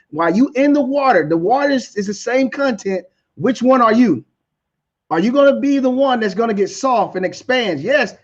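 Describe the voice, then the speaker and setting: A man's voice: very high voice, highs cut off. A man giving a motivational talk on customer service, preachy and repeating key lines for emphasis. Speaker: guest speaker.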